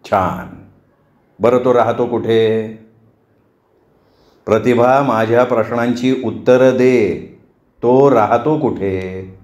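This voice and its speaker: A man playing a stern middle-aged father who asks slow, controlled, probing questions. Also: medium pitch, fairly even intonation, darkish tone, close to an everyday voice. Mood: interrogating. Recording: roomy, dull lo-fi recording.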